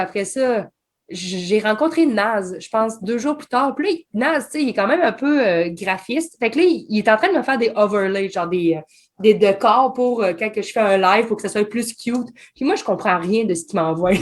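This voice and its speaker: A young woman with a Québécois French accent, telling her story as a guest in a casual interview, animated and laughing often. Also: a little high. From Quebec. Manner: animated, laughing often, quick colloquial talk. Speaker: guest, escape game designer.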